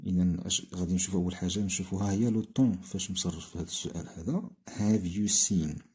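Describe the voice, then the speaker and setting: Deep mellow Moroccan man teaching. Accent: Moroccan Arabic. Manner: mixes Arabic with slowly read English examples. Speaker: English teacher. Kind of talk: explaining a grammar lesson.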